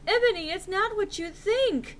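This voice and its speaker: A woman's voice: very high-pitched, moderate pace, a little hiss or hum, voice pushed up. A woman voicing a pleading, lovesick teenage boy in a dramatic reading, wailing in an overacted, hammy stage style. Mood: desperate pleading. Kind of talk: dramatic reading of fan fiction.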